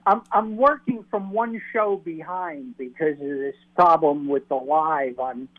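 High-voiced man calling in on speakerphone. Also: no echo. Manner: halting, repeats words on restarts. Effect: on speakerphone over a phone line. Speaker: caller. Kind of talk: radio call-in question. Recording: tinny phone line on speakerphone.

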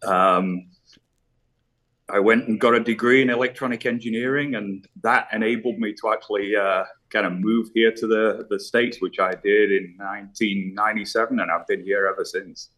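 Relaxed Yorkshire man, low voice. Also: moderate pace. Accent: Yorkshire English. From Leeds, West Yorkshire, England. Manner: chatty, self-deprecating, laughs easily. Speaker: pipe maker guest. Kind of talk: casual interview chat.

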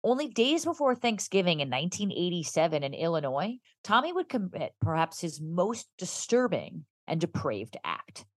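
A woman with a low-pitched voice co-hosts a true-crime podcast. She tells the story partly from notes and partly as conversation, recorded dry and close with no room sound. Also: sing-song, moderate pace, few pauses, no echo.

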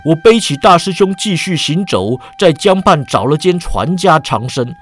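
A man's voice: fairly high pitch, animated, normal speed, soft background music. A male storyteller reading a serialized martial-arts novel in a leisurely way, drawing out his sentence-final particles.

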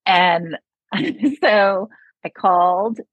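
A woman's voice: medium pitch, drawn-out words, breathy edge, dry recording, lo-fi sound. A woman with an upstate New York accent, a speech therapist chatting as a guest in an interview, laughing often and using many fillers. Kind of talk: conversational interview.

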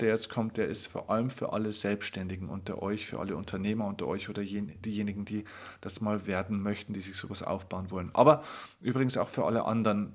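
A man hosting a podcast episode, giving an emphatic motivational monologue straight to the listener and slowing down to stress key words. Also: fairly low pitch, husky. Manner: addresses the listener directly. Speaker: podcast host.

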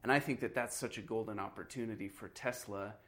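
A man's voice: fairly low pitch, steady tone, brisk, a bit bright. A man in a casual podcast chat about marketing, talking loosely and filling gaps with "you know" and "like". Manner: conversational, heavy on "you know" and "like".

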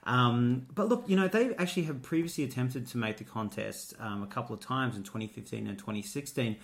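A man's voice: mid-range voice, fairly quick, gravelly. A man with a North Queensland Australian accent, co-hosting a show in casual, jokey chat. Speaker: co-host of a Eurovision show.

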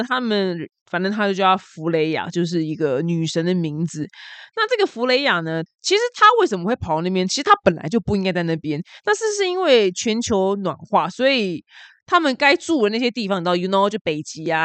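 A woman's voice: mid-range voice, fairly bright tone, dry recording. A woman from Taiwan with a Taiwanese Mandarin accent, hosting a casual news commentary podcast in a chatty, exclamatory way, dropping in English words. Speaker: podcast host.

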